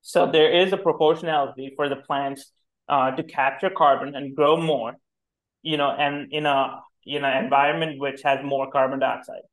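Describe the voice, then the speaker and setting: A man's voice: medium pitch, steady tone, normal speed, fairly bright tone, rough recording. A man, talking casually in a podcast discussion, full of fillers and hesitations, pushing back on his co-host's points. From India.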